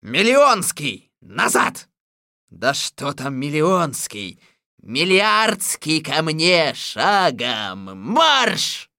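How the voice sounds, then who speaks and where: A man voicing a gleeful, domineering immortal sorcerer who barks loud, imperious commands in a storybook reading. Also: mid-range voice, expressive, slow pace, no echo, clean studio sound, pitched above the performer's own voice, full character voice. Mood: commanding.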